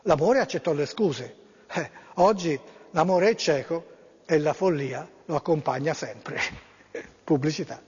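A man's voice: on the high side, a little slow, darkish tone, husky. A man hosting a radio show, chatting in a rambling, hesitant way with many fillers and reading a story aloud. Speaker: radio host. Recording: dull lo-fi sound with long reverb.

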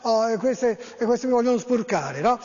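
A man with a high voice jokes his way through viewer messages as a TV host, stretching his fillers and teasing his audience. The sound is dull and lo-fi with a long hall echo. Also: lively intonation, warm tone. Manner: chatty, teasing, many drawn-out fillers. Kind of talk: jokey live TV call-in chat.

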